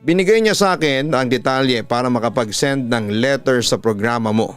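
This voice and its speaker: A man with a Filipino accent hosts and narrates a listener-story channel, reading a listener's horror letter aloud like a radio announcer. His voice is mid-range and clean, at a moderate pace, with a music bed playing underneath.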